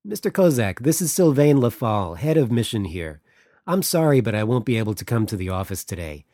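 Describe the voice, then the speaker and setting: A man's voice: medium pitch, sing-song, fairly quick, dark tone, no echo, studio quality, close to an everyday voice. A man voicing a courteous French male head of mission with a thick but pleasant French accent. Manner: polite, businesslike.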